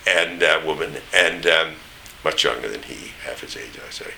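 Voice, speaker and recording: Deep-voiced older man, standard American accent. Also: moderate pace, gravelly, sharp tone, slight background noise. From East Tennessee, United States. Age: older, 70s or above. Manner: rambling, anecdotal, searching for names. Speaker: interviewee recounting memories. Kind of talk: oral history reminiscence.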